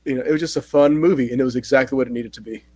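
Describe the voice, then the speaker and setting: A man hosting a casual movie-review chat, relaxed and animated when he gets going. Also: mid-range voice, very fast, no room sound. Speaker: host.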